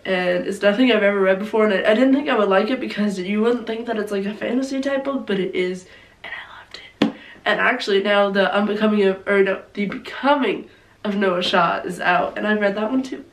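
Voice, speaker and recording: A woman's voice: mid-range voice, brisk, far from the mic, background noise. A young woman, sick with a cold, talks in a congested voice from some way off the microphone in an echoey room. Her delivery is informal and rambling, as in a casual video chat, and she often breaks off and restarts her thoughts. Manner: rambling, informal, self-interrupting, frequent "like". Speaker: book vlogger presenting favorite reads.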